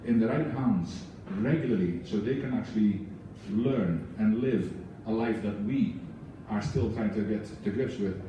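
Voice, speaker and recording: Addressing an audience on behalf of his book club's leadership, this accented man speaks with earnest passion, frequently starting over. His lowish, warm voice moves at a measured pace with hardly any pauses. He is heard from far away in a reverberant room, with slight hiss or hum.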